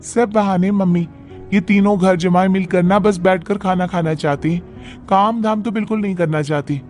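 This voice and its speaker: A man's voice: high voice, fairly even intonation, normal speed, darkish tone, soft background music, lightly acted. A man voicing an exasperated young wife. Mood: annoyed. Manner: complaining, exasperated. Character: fed-up working young wife, daughter.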